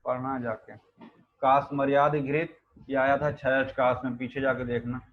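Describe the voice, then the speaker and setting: A man teaching an Ayurveda class, reciting Sanskrit verses and firing quick questions at his students. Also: medium pitch, level tone. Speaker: Ayurveda lecturer. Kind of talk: classroom lecture. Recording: narrow phone-like sound.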